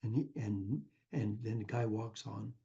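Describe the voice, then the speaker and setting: A man's voice: on the low side, fairly even intonation, measured pace, gravelly, dark tone, husky, muffled recording. A man giving an earnest inspirational talk, telling a parable and calling the listener his friend. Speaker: spiritual speaker.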